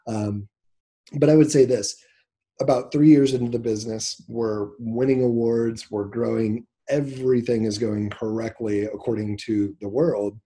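Speaking in a medium-pitched, slightly rough voice, a Nebraska businessman recounts a personal story during a laid-back interview. He's unhurried and lively, performing the quoted lines as he goes.

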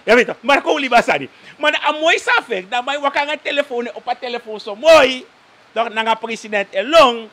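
He's a guest commentator on a live interview show, a man with a Surinamese Dutch accent whose very high-pitched voice sounds animated, pushed, and bright, moving a little fast. He peppers almost every sentence with a questioning "toch?" and works in Sranan phrases.

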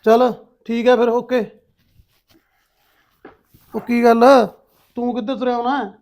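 A brusque village husband with a Malwa Punjabi accent, played by an actor. His voice sits high for a man. He speaks plainly and reassures in a gruff way. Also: level tone, measured pace, a little mellow. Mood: calm. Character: village husband, busy with local politics. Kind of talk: village short-film acting.

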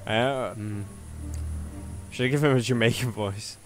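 A man talking his way through a spooky video game, chatty and jokey, muttering to himself between moves. His voice sits at an ordinary pitch, with a touch of faint music behind it. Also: measured pace. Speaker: gaming youtuber. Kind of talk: let's play commentary.

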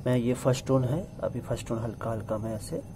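A man teaching a pencil shading lesson step by step, calmly repeating instructions to his students. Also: medium pitch, quick pace, very noisy. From India. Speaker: drawing teacher. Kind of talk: step-by-step art tutorial.

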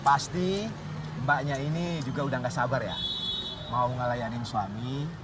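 An actor playing a pushy, smarmy marriage official who hints at bribes, with sly chuckles. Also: male voice, mid-range voice, unhurried, background noise, lightly acted. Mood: wheedling. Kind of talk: film drama.

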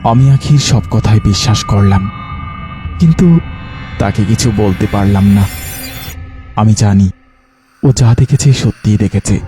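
A man narrating a dramatized first-person ghost story in an earnest, dramatic way. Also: lowish voice.

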